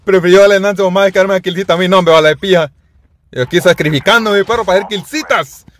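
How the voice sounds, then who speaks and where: A young man giving live gameplay commentary, excitable and full of profane slangy banter aimed at his viewers. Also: high voice, fast, no echo. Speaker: gaming streamer.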